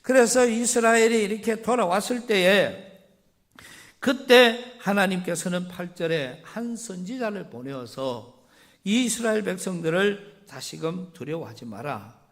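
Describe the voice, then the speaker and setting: A male pastor with a Gyeongsang accent preaching a sermon. He reads scripture and retells it in everyday words, swinging between loud emphasis and quiet asides. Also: sits high, unhurried. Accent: Gyeongsang Korean.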